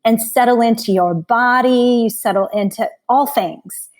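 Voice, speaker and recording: A woman in her forties, a coach and author, chatting as a podcast guest in a frank, animated way, laughing and swearing freely. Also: a little high, a little slow. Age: 40s. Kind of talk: casual chat.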